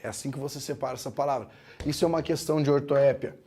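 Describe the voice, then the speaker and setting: A man teaching a grammar lesson, explaining step by step, asking the class questions, and slowing down to break words into syllables. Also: medium pitch, steady tone, mellow, breathy edge. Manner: slows down to spell out words syllable by syllable. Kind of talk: classroom lecture.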